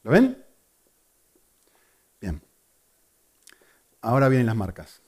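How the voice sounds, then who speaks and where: Man preaching to a congregation; expressive, dips into quiet asides, warm mellow timbre. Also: medium pitch, slow. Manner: animated, swings from loud emphasis to hushed asides. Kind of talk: sermon.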